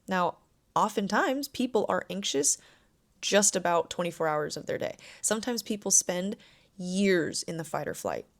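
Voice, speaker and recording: A young adult woman hosting a self-help podcast, talking in a relaxed, conversational and reassuring way. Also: lowish voice, moderate pace. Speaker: podcast host and anxiety coach.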